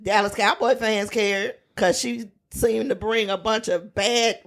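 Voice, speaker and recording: A woman co-hosting a podcast in casual chat, relaxed and laid-back. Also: a little high, unhurried. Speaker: podcast co-host.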